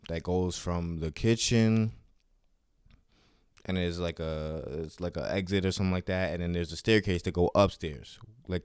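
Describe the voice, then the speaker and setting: A man's voice: deep voice, darkish tone, clean tone, no room sound, studio quality. A man hosting a podcast, telling a long story in a loose, profane, casual way and acting out the voices of the people in it. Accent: New York. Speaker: podcast host and comedian. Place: studio.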